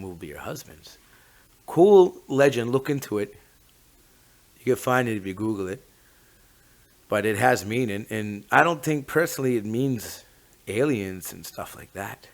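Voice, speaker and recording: Low-voiced First Nations Canadian man, Mi'kmaq accent. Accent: First Nations Canadian English, Mi'kmaq. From Mi'kma'ki, eastern Canada. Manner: rambling, reflective, often ends phrases with "eh". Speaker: host of a talk on traditional teachings. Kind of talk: informal unscripted talk.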